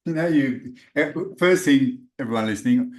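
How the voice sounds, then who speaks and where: A male podcast host talking casually and eagerly, openly excited to be speaking with his guest. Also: mid-range voice, normal speed. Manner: enthusiastic, talkative, openly excited. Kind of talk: casual interview chat.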